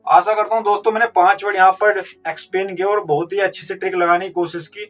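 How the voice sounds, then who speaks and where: With faint music underneath and the mic set well back, a man teaches vocabulary using memory tricks. He works through each word step by step and answers his own questions. His voice is high and a bit bright, quick-paced with fairly even intonation.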